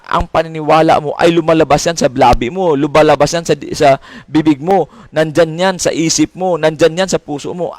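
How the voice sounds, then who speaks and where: A middle-aged pastor with a slightly high voice preaches a sermon, throwing out rising questions, mimicking people's complaints, and mixing in English phrases. The recording is dry.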